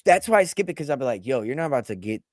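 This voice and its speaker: A man in his twenties co-hosting a podcast, chatting casually, swearing often and jumping higher when riled up. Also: rapid-fire, dry recording, clean studio sound. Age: 20s. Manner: animated, swears a lot, laughs, jumps in pitch when riled up. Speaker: podcast co-host. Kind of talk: casual profane chat.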